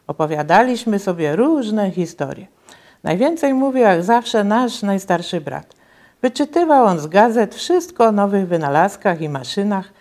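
A woman's voice: medium pitch, darkish tone. Woman reading a children's story aloud. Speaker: reader at a cultural centre reading event.

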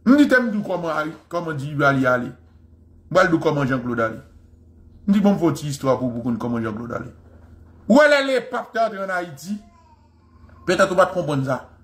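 A man's voice: fairly high pitch, sing-song, moderate pace, pauses often. A man giving an impassioned history lecture, fervent and repeating phrases for emphasis.

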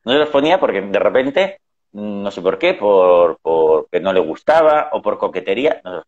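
Hombre de España muy expresivo, sonido apagado. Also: male voice, lowish voice, moderate pace. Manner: animated anecdotes, acts out quoted family voices. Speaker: guest. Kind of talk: conversational storytelling. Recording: dull lo-fi sound.

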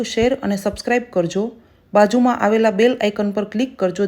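High-voiced woman reading a love story. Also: mellow. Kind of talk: scripted story narration.

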